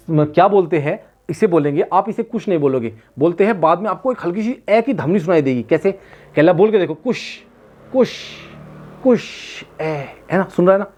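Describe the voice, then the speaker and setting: A man with a slightly high voice gives an exam-prep grammar lecture. He fires off questions and answers them himself, and he drills the key words slowly, over and over. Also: darkish tone. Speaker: Hindi grammar teacher.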